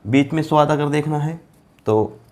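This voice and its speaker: A man teaching Arabic letters as a Quran reading teacher, patient and repetitive, drawing out each letter name slowly. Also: fairly high pitch, darkish tone. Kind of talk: board lesson explaining Arabic letters.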